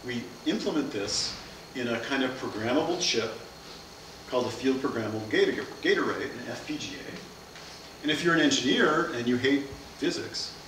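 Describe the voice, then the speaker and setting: Picked up by a distant camera mic, a middle-aged man of medium pitch lectures on physics at a science cafe. He works through ideas by asking and answering his own questions in a seminar room with a projector screen, and the recording is echoey and noisy.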